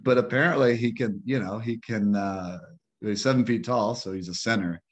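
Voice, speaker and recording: A man co-hosting a podcast, chatting casually about sports in a rambling, halting way full of restarts. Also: on the low side, breathy edge. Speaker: podcast co-host.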